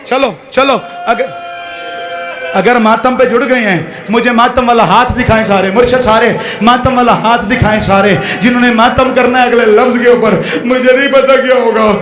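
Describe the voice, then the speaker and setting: High-pitched Punjabi-accented man, wailing recitation. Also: fairly even intonation, moderate pace, reverberant. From Pakistan. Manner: emotional, calls out to the crowd, wailing cries. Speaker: zakir reciting at a majlis. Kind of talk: impassioned mourning recitation. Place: mourning gathering.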